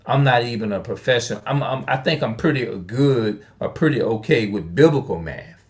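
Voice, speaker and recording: Speaking at a moderate pace in a medium pitch, a man in his forties delivers an unscripted monologue for an online video. He keeps repeating himself emphatically, restarts sentences often, and poses rhetorical questions.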